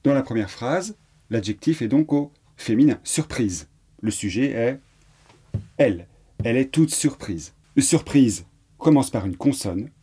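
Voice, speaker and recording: A man's voice: mid-range voice, animated, unhurried, dark tone, a little hiss or hum. A man teaching French grammar in a patient lesson, repeating examples and spelling words letter by letter. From France. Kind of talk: slow explanatory lesson.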